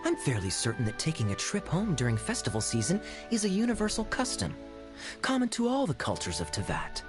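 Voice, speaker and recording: An actor voicing a sly, charming male knight in a game who teases with smooth, wry words. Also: fairly high pitch, huge pitch swings, a little fast, over music. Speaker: game character. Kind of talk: game voice acting.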